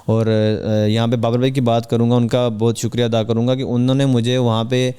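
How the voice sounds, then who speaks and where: A young man from Pakistan, a cricketer guest on a podcast, speaking in an earnest, measured way with hesitant fillers. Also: mid-range voice, flat delivery, dark tone, clean tone. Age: young adult. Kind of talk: podcast interview.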